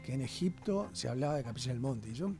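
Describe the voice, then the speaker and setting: A man's voice: mid-range voice, expressive, fast talker, mellow, soft background music. A man, a guest in a radio interview, talking passionately and often checking in with his listener. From Argentina. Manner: passionate, talks with rhetorical tags.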